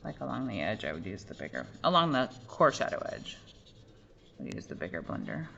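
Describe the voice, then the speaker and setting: A woman's voice: rumbling low, very animated, a little fast, creaky, a bit bright. A young adult woman giving a casual drawing demonstration, explaining each step as she works, with many fillers. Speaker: art teacher. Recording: muffled lo-fi audio, faint room noise.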